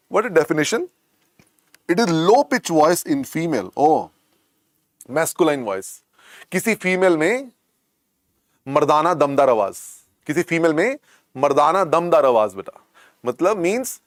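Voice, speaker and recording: A man's voice: a little high, dry recording, studio quality. A man with an Indian English accent giving a classroom lecture, repeating each point and coaxing students with "beta". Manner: repetitive, coaxing, keeps adding "beta" to drill points. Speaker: medical exam lecturer.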